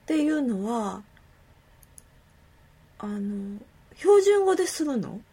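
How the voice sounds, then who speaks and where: A woman's voice: fairly high pitch, big pitch swings, slow pace, dark tone, breathy edge. A woman from the Kansai region with a Kansai accent, casually chatting as a podcast co-host and laughing easily as she explains. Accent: Kansai Japanese. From Kansai, Japan. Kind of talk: casual chat.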